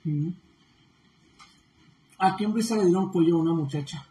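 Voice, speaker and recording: A woman's voice: fairly low pitch, moderate pace, dark tone. A woman hosting a casual livestream, reading viewer comments and chatting with a laugh in her voice. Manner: chatty, laughing often, gossipy. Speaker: livestream host. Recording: echoey room with faint noise.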